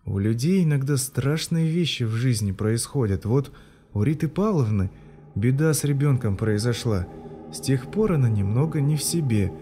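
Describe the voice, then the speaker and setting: A man reading an audiobook, voicing a harried young mother who scolds and coaxes her son in quick bursts. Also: medium pitch, animated, warm tone, faint music behind, close to an everyday voice. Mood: coaxing. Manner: scolding, hurried.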